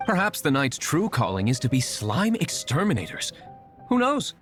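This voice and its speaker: A man's voice: medium pitch, wildly swooping pitch, moderate pace, a bit bright, faint music behind. An actor playing a curt, aloof young nobleman and secret vigilante in a video game, speaking drily and formally. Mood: dry sarcasm. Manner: dry, formal, terse.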